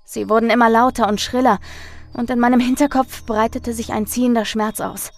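A woman hosting a podcast, reading a listener's horror story in a measured, dramatic narration. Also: a little high, steady tone. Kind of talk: scripted narration.

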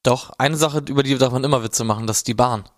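A man's voice: medium pitch, quick pace. A man co-hosting a podcast in casual chat, teasing and pushing his co-host with jokes. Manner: teasing, pushy, joking.

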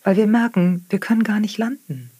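A woman with a German accent, an author and therapist, explaining her ideas in a podcast interview, often tagging sentences with "ne?" and pausing on "ähm". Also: mid-range voice, dark tone, breathy edge, no echo. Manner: reflective, tags sentences with "ne?"; frequent hesitation fillers. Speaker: author and guest; therapist working with clients.

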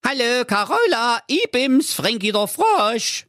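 A man's voice: extremely high pitch, sing-song, slow, fairly bright tone, no room sound, clean studio sound, pitched above the performer's own voice, heavily acted. A man voicing a cheeky, pushy male frog in a raised, wheedling voice, for a comic fairy-tale parody.

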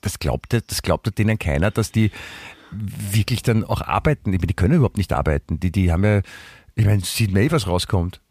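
A man with an Austrian accent co-hosting a podcast, trading deadpan absurd jokes and often restarting his words. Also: fairly low pitch, brisk, breathy edge, no echo. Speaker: podcast co-host. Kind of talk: joking podcast banter.

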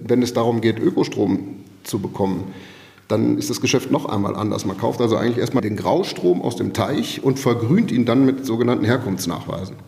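A man's voice: mid-range voice, fairly quick, vocal fry, mellow, long reverb tail. A man working in energy purchasing, giving patient interview answers and explaining with everyday comparisons.

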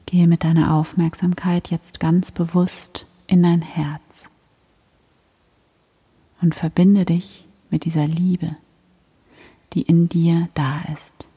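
A woman guiding a prayer meditation in a soft, breathy whisper, gentle and soothing. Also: lowish voice, flat delivery, takes it slowly, pauses often.

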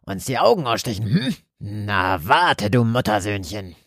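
A man's voice: fairly low pitch, sing-song, a little slow, gravelly, fairly bright tone, dry recording, clean studio sound, full character voice. A man voicing a sneering, bullying teenage boy in a spoken horror story. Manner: sneering, mocking.

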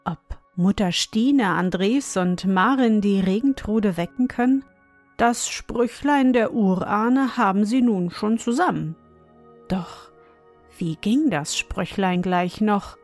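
A woman reads a bedtime fairy tale in a slow, unhurried voice. She speaks gently and soothingly, turning to the child listening. Soft music plays faintly underneath. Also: mid-range voice. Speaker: bedtime storyteller. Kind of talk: bedtime story reading.

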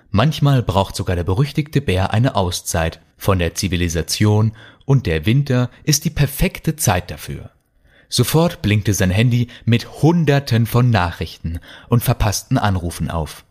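A man with a fairly low voice narrates an audio story. His intonation rises and falls expressively as he tells the scenes. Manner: lively storytelling.

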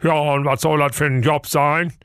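A man's voice: medium pitch, normal speed, fairly bright tone, no room sound, clean studio sound, pitched above the performer's own voice, natural voice. A man voicing a good-natured, henpecked excavator driver who sounds exasperated in a comic audio fairy tale. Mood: weary. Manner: weary, exasperated, sing-song rhymes.

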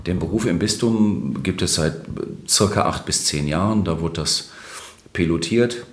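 Middle-aged male interview guest: extremely low bass, measured explanatory delivery, roomy echoing recording. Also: slight background noise. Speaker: interview guest, church administration manager. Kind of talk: unscripted interview answers.

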